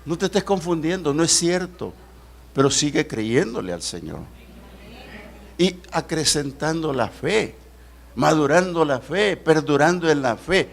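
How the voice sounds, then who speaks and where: A man with a Salvadoran Spanish accent preaching a sermon as pastor, swinging between loud emphatic peaks and low quiet drops. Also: animated, a little slow, gravelly.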